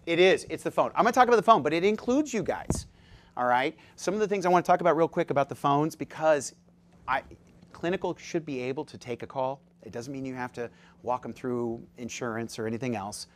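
A man giving a live seminar talk as presenter, jokey and lively, quizzing his audience with questions. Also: fairly high pitch, fairly quick, a little hiss or hum. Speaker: presenter at a dental practice seminar.

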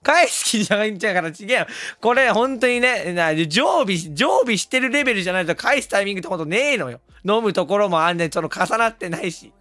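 A hoarse man, talking casually on stream, excitable and quick to laugh or yell. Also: high voice, dry recording, soft background music. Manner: excitable, switches between laughing and yelling. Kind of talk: casual stream talk reacting to comments.

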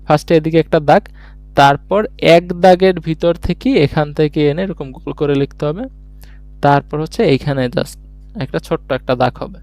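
A man's voice: a little high, fairly even intonation, brisk, a little mellow, dry recording. A man teaching a beginners' language lesson online, explaining each step patiently and answering his own questions as he goes. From Bangladesh.

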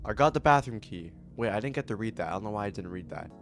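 A man's voice: on the low side, animated, fast talker, vocal fry, over music. A young man hosting a gaming channel, casually reacting aloud and reading dialogue during a let's play.

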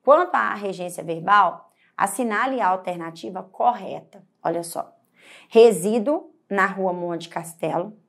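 A woman's voice: mid-range voice, unhurried, vocal fry. A woman teacher with a Brazilian Portuguese accent, giving an exam-prep grammar lesson and addressing the student directly with frequent tag questions.

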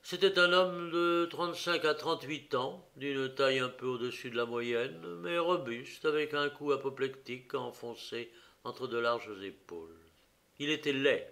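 A man narrating an audiobook of a detective story in a slow, dramatic reading. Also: mid-range voice, sharp tone.

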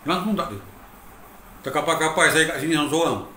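A middle-aged Malaysian man with a Malaysian accent speaks in a fairly high, bright and tense voice. He talks emphatically and repeats himself for weight. The recording has a roomy echo with faint ambience behind it. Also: lively intonation, quick pace, a little hiss or hum. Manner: emphatic, repetitive, keeps addressing the listener as "bang". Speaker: guitarist telling his story. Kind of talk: emotional personal storytelling.

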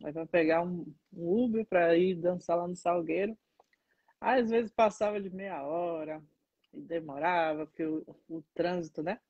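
Casual Bahian woman in her thirties, lowish husky voice, lively storytelling chat, dry dull lo-fi sound. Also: no room sound. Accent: Bahian Brazilian Portuguese. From Salvador, Bahia, Brazil. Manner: chatty and animated, often slowing to stress words. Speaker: dance and capoeira teacher. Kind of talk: casual online chat answering viewer questions. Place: indoors, seated in front of a painted mural.

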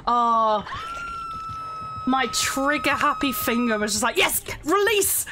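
A woman streaming a video game, talking casually as she plays, excitable and quick to swear. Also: fairly high pitch, over music. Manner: excitable, swears and laughs often. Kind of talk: casual gameplay commentary.

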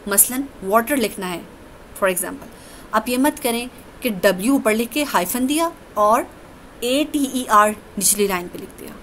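A woman teacher, giving a deliberate grammar lesson that moves between English and Urdu. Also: fairly high pitch, expressive, fairly bright tone, slight background noise, poor audio.

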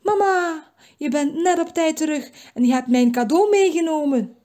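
A woman voicing an excited little baby elephant in a storybook. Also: sits high, normal speed, close to an everyday voice.

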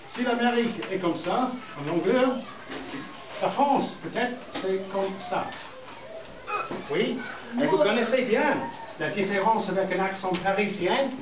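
His pitch is extremely high as this middle-aged southern English man, a native speaker with an English accent, gives a classroom lesson in simple, halting, repetitive phrases. The recording comes from a distant camera mic in an echoey, noisy classroom full of pupils, muffled and far away.

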